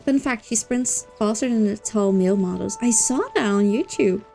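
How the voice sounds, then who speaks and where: During a casual gaming stream, a woman chats playfully with her viewers, repeating words and stretching them. Her medium-pitched voice is creaky and mellow at a normal speed, with faint music behind.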